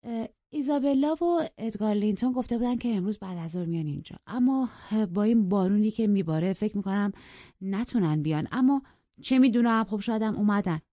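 A woman voicing a proud, petulant young woman who speaks high and exasperated, scolding, in a dull lo-fi audiobook recording. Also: expressive, warm tone, dry recording, natural voice. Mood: flustered.

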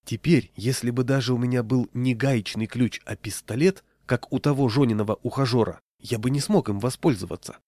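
A man's voice: mid-range voice, a little fast, hardly any pauses, dark tone, no room sound. A man narrating a humorous first-person story in a wry storytelling manner, close to the mic. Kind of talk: storytelling reading.

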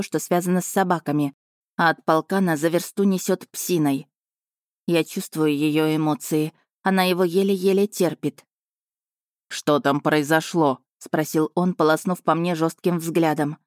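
A woman narrates a first-person fantasy audiobook in an even, lightly wry manner. Her voice sits on the lower side for a woman, and the recording is dry and close. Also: no room sound.

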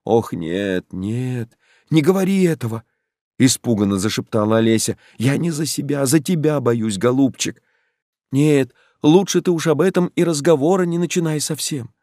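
A man reading an audiobook voices a young village woman who speaks softly, earnestly and insistently. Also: mid-range voice, expressive, normal speed, no room sound, clean studio sound, voice pushed up, lightly acted. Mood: tender. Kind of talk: audiobook narration.

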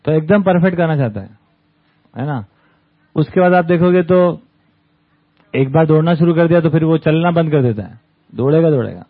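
A man's voice: a little high, animated, normal speed, pauses often. A man giving a conversational talk to a study group, often checking in with little tag questions. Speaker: camp speaker. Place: camp hall with an audience. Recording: tinny phone-like sound.

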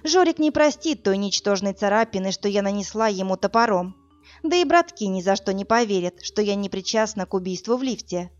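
A woman narrating a first-person audiobook in a steady, plain storytelling manner, in a slightly muffled recording. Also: medium pitch, brisk, faint music behind.

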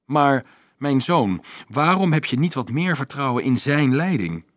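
Audiobook role: man doing a gentle old monk, hushed and low, lively tone, dry sound. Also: unhurried, no echo. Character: kindly old male monk, gentle and wary.

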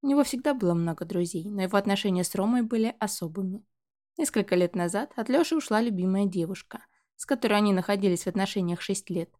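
A woman narrating a novel in an even, measured storytelling voice. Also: mid-range voice. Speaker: audiobook narrator. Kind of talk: scripted narration.

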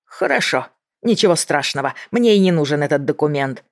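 A reader voicing a desperate, unhinged man who has a bomb and shouts threats down the phone. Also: medium pitch, lively intonation, a little fast, close to an everyday voice. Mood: threatening. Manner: shouting, hissing, voice breaking. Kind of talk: audiobook character voice.

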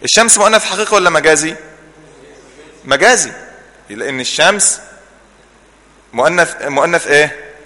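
A man with an Egyptian Arabic accent teaching a religious class. He keeps asking leading questions and answers them himself, and he repeats key words slowly so the class remembers them. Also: fairly high pitch, sharp tone, big-room sound. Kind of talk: classroom Islamic jurisprudence lesson.

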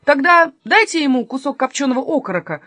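Woman reads as bossy hot-tempered robber, loud, dry close sound. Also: high voice, sing-song, fast, no room sound, voice pushed up, exaggerated voice. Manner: exclaiming, shouting. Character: loud bossy male robber, quick to anger.

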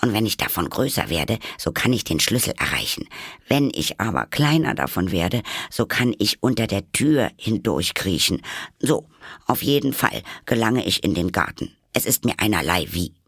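A man's voice: lowish voice, very animated, normal speed, vocal fry, fairly bright tone, slightly rough, no echo, studio quality, heavily acted. A man reading a storybook voices Alice, a young girl who is curious and tearful and scolds herself sharply. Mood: musing. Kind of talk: audiobook character voice.

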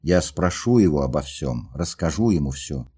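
A lovesick young dreamer, earnest and agitated, played by the reader himself. His voice is deep, dark and husky, with fervent, pleading outbursts. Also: expressive, normal speed, full character voice. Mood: urging.

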